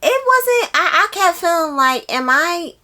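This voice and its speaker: This book vlogger, a woman with an extremely high-pitched voice, talks to viewers in an unhurried, casual way. She leans on slang and repeats words for expressive emphasis.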